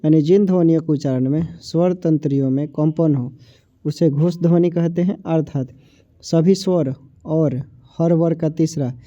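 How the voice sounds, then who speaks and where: A man with a Bihari Hindi accent teaches a grammar lesson. His voice sits fairly high but sounds very dark and mellow, and it is recorded dry and a little dull, like a lo-fi mic. He repeats his points and stretches out each sound as he says it. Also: steady tone, normal speed, dry recording. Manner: repetitive, asks and answers his own questions; drags out sounds when saying them. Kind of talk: exam-prep grammar lesson.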